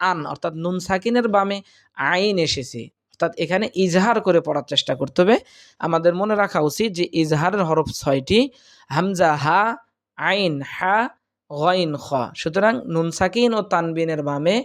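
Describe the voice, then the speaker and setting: A man teaching correct pronunciation of Quranic recitation, explaining patiently and drawing out each word slowly for practice. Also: fairly high pitch. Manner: slow, drawn-out recitation of words, repeated for practice. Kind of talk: tajweed pronunciation lesson.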